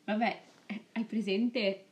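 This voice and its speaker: A woman's voice: medium pitch, steady tone, slow pace. A young woman, emphatic and argumentative, in casual banter with friends as a podcast co-host.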